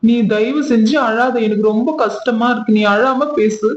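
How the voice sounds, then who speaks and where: A man's voice: very high voice, moderate pace, a little hiss or hum. A man playing a fond husband in a home skit, calling his wife pet names and coaxing her along. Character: doting husband, affectionate, pushy about family. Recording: echoey, dull room recording.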